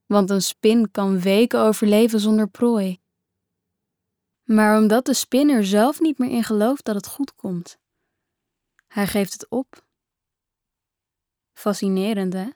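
A woman narrating a story in the first person, measured and suspenseful, often dropping to a hushed voice. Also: mid-range voice, dry recording, studio quality.

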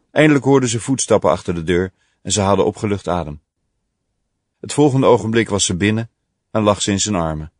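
A man narrating an audiobook in a measured, deliberate reading. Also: fairly low pitch, no echo, studio quality.

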